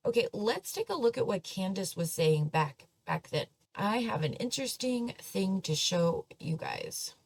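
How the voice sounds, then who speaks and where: A woman's voice: medium pitch, very animated, unhurried, few pauses, a little mellow, slight background noise. A woman hosting a commentary channel, chatty and dismissive. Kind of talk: casual commentary.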